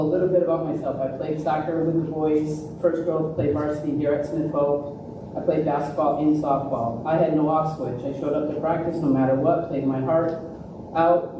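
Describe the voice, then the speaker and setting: A woman's voice: sits low, fairly even intonation, normal speed. A woman speaking earnestly as a coach presenting an award at a podium. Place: large echoey room at a live ceremony. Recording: echoey hall, distant mic, noisy.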